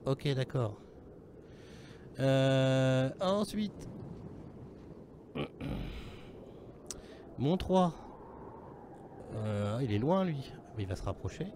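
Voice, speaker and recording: A man's voice: mid-range voice, expressive, very slow, pauses often, background noise. A man running an online tabletop game as game master, casual and teasing, swearing freely. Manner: casual, swears, teases players.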